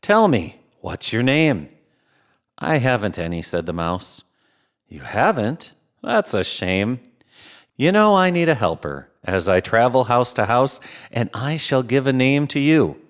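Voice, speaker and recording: A man's voice: mid-range voice, big pitch swings. A man playing a jolly, kindly old Santa Claus who reads to young children in an eager, emphatic storybook manner. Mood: gentle, storytelling. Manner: exclaiming, chuckling, drawn-out emphatic phrasing. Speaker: host of a children's read-aloud show.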